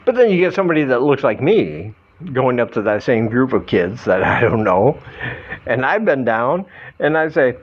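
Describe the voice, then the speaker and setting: A middle-aged American man from Michigan, slightly drunk, rambling through a halting, self-deprecating comic monologue as a vlogger. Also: mid-range voice, very animated, dry recording, dull audio. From Michigan, United States.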